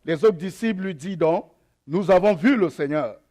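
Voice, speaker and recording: A young adult pastor, whose first language is an African mother tongue, slowly reads scripture before moving into a sermon marked by hesitations and repeated phrases. His voice sits high with a dark tone.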